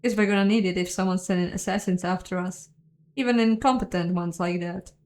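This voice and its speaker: A woman's voice: fairly low pitch, steady tone, a little fast, a little mellow, close to an everyday voice. Woman voicing a scrappy foul-mouthed goblin. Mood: wry. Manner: brash, swearing.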